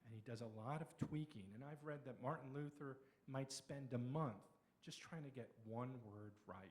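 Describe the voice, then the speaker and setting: A middle-aged man from Pennsylvania giving a conversational slide lecture on history, with explanatory pauses and restarts. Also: mid-range voice, darkish tone. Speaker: local history speaker.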